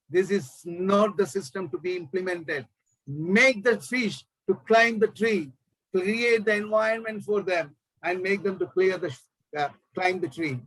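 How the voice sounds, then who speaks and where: Man, professor at a press conference, high voice, dry close sound, impassioned rhetorical questions. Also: a bit bright, dry recording, poor audio. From Kerala, India.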